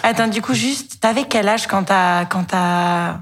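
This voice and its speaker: A woman hosting a podcast, introducing her guest and asking questions in an upbeat, slangy way with quick encouraging replies. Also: mid-range voice. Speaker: podcast host. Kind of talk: casual interview.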